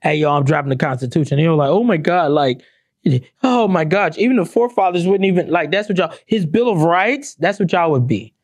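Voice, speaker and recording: Young guy with a high voice ranting on his vlog, cussing and goofing, dry room. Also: quick pace, few pauses, no room sound. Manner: animated, profane, sings song lyrics mockingly. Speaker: commentator. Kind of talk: comedic rant to camera.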